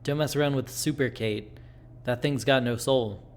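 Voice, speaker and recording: A man voicing a dying, devout old friend in a game, blunt, folksy and halting. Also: medium pitch, a little hiss or hum, natural voice. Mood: grave warning.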